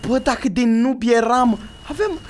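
An eighteen-year-old man giving excited reaction commentary as a YouTuber, with loud outbursts and banter with himself. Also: extremely high pitch, a little hiss or hum.

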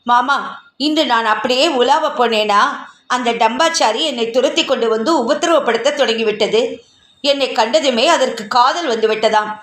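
A woman voicing a sharp-tongued young woman. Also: on the high side, roomy sound, lightly acted. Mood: tart. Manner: quick, cutting retorts.

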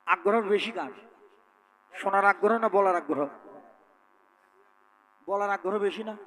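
A man preaching a devotional story in a sing-song way, pausing to question his listeners directly. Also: high-pitched, pushed and bright, low-quality recording. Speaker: devotional folk singer and preacher.

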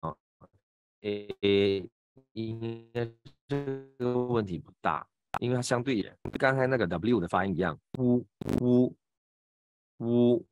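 A voice acting teacher with a Malaysian Mandarin accent runs an online pronunciation class, patiently demonstrating each sound with drawn-out repetitions. His voice is mid-range and the sound is lo-fi.

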